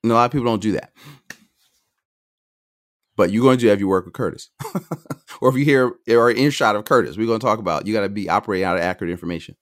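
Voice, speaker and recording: A middle-aged man, a financial advisor guest on a podcast, talking quickly and energetically, often restarting his sentences. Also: fairly low pitch. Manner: energetic, talks fast, jumps between points with restarts. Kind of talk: conversational podcast interview.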